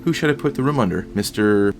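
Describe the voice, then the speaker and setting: A man's voice: on the low side, animated, fast. A man voicing a chatty, proud male hobbit innkeeper with folksy, rustic talk. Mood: welcoming.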